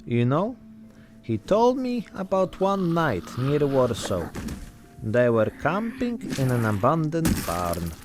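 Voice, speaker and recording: Man playing a slow, weary immigrant survivor. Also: medium pitch, soft background music. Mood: somber, reflective. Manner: deadpan, reflective storytelling in short clipped phrases. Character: weary Polish immigrant man surviving a zombie apocalypse, darkly wry. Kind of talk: narrated in-character role-play monologue.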